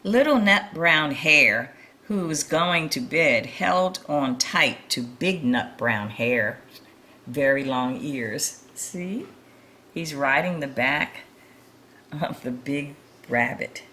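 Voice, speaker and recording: A woman reads a picture book aloud to young children during storytime, chuckling over the pictures and adding chatty, encouraging asides. Her voice is low, slow, and bright, animated and forceful, with a little hiss or hum in the recording.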